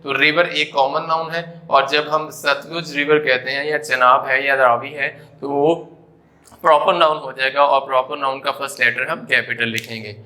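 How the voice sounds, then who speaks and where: Bright-voiced man teaching grammar. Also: medium pitch, steady tone, normal speed. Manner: explanatory, mixes English terms into Urdu; repeats points with frequent "जी" and "तो". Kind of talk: classroom grammar lecture.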